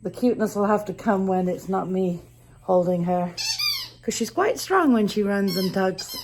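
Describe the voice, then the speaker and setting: A woman's voice: mid-range voice, expressive, moderate pace, background noise. A woman chatting casually to her viewers in a daily vlog, talking to them directly. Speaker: vlogger.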